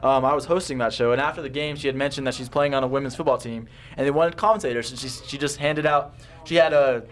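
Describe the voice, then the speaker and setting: A man's voice: medium pitch, fairly even intonation, fast talker. A man doing enthusiastic, upbeat play-by-play commentary on a football game. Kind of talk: live sports commentary.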